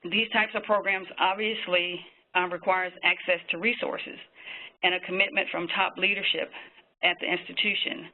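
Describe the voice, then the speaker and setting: A man speaking as a physician panelist, giving prepared webinar remarks in a measured way with frequent fillers, heard through a tinny phone-line connection. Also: high voice, flat delivery.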